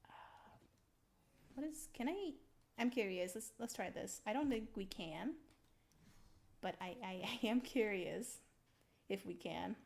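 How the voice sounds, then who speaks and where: A young woman casually talking through her building in a video game, rambling slowly with lots of ums and little laughs. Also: medium pitch, animated, creaky. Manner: slow, rambling, giggly, full of ums. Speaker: streamer building in a survival game. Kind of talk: casual gameplay commentary.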